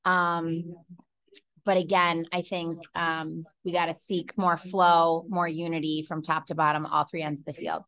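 A woman in her forties, a head coach, answering press questions over a video call from an office, measured and full of fillers and restarts. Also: low voice, little pitch movement, a bit bright, no echo. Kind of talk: postgame press conference answers. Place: indoor office with large window. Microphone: laptop webcam on video call.

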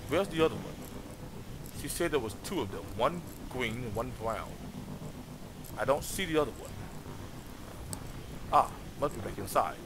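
A man's voice: medium pitch, animated, normal speed, pauses often. A man giving gameplay commentary in character, musing and chatting to his in-game companions. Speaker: let's play gamer. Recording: noisy background.

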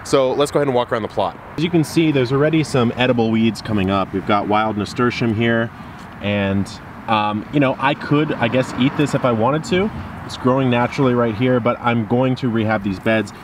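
A man's voice: medium pitch, steady tone, a little fast. A man in his thirties hosting a casual garden tour vlog, talking straight to a camera held close to his face, chatty and upbeat. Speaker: gardening channel host. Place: outdoor front and side yard garden by a street, then a garden shed. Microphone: handheld camera close to face. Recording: outdoor street noise audible.

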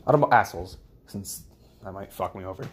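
A man's voice: deep voice, a little fast, a little hiss or hum. A young man rambling crudely in a casual home vlog while he cooks in his kitchen, swearing often and mumbling offhand. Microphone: phone camera held and moved around.

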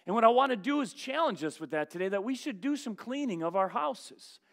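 Man preaching, high voice, rhetorical questions, loud then hushed. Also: animated, fairly quick. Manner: asks the congregation rhetorical questions; swings between loud emphasis and hushed asides. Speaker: pastor. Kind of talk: sermon. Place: church.

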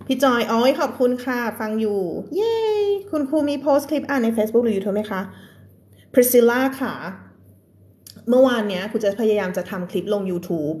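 A woman's voice: on the high side, moderate pace, darkish tone. A young woman teaching English in a casual live stream, chatting and laughing with viewers between storybook passages.

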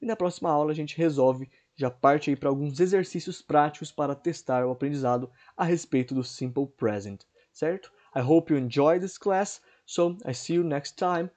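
A man's voice: a little high, moderate pace, few pauses, darkish tone. A man teaching an English grammar lesson to students online, explaining step by step and checking in often with "right?". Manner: explanatory, repeats checks like "certo?" and "né?"; clears throat now and then.

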